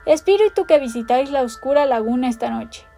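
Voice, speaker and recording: A woman's voice: high-pitched, lively intonation, slow, darkish tone, faint music behind. A woman putting on a shaken pirate captain. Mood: blustering. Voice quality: hoarse.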